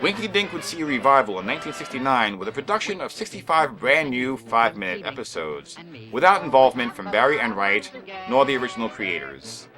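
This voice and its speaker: This documentary narrator is a man of medium pitch who reads scripted retrospective narration very animatedly and fairly quickly. His delivery is formal and emphatic, with a wry edge, and faint music plays underneath.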